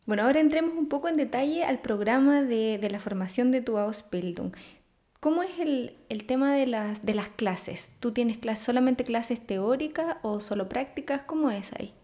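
A woman's voice: a little high, lively intonation, moderate pace, dark tone. A woman interviewing a guest in Spanish, asking long, winding questions with small restarts.

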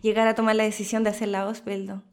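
A woman's voice: medium pitch, level tone, quick pace. A woman hosting an online interview, asking questions in a friendly, upbeat way. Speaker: host. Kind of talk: interview hosting and scripted intro.

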